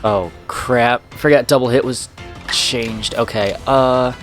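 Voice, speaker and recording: Commentating his own let's play, this gaming channel host speaks at a typical mid pitch with fairly even, somewhat bright intonation. He chats away and reacts aloud to each move, sounding a bit under the weather, his voice a touch off, while faint game music plays in the background.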